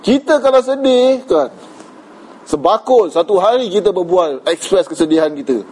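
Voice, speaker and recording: A man's voice: high-pitched, lively intonation, normal speed, darkish tone, slightly rough, poor audio. A Malaysian man giving an informal religious lecture, conversational, mixing in English words and asking "kan?" often. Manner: conversational, mixes English words, frequent "kan?" tag questions. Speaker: religious teacher.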